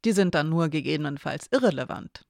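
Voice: mid-range voice, animated, brisk, gravelly, no room sound, clean studio sound. A storyteller reading the lines of Elena, a nervous but teasing young woman who speaks hesitantly and then hastily, in a storybook reading. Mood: unsure.

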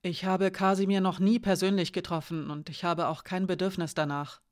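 A composed woman spy speaks in a soft, low, steady voice, read by a female narrator. Her tone stays calm and earnest. This is a quiet audiobook role. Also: moderate pace, natural voice.

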